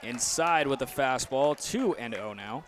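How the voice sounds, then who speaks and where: A young American announcer delivers live sports play-by-play in an expressive, medium-pitched voice, going a little slowly. The outdoor ambience of a ballpark or arena can be heard behind the commentary.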